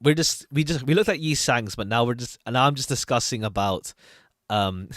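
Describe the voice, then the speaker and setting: A man's voice: medium pitch, moderate pace, dry recording, studio quality. A man giving casual livestream commentary as a streamer, chatty and hesitant as he thinks aloud. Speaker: streamer reacting to game trailers.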